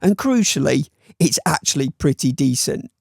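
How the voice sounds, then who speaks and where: Gravelly Northern English man, dry and wry. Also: on the high side, lively intonation, normal speed, darkish tone, dry recording. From Northern England. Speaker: watch reviewer. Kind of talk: scripted review voice-over.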